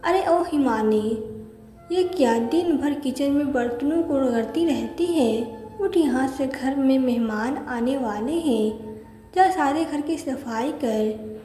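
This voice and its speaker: A woman's voice: high-pitched, slow pace, dark tone, echoey room, in a large hall, soft background music. Woman voicing a cruel taunting mother-in-law. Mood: scolding. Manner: harsh, taunting, barking orders. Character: cruel scolding middle-aged mother-in-law.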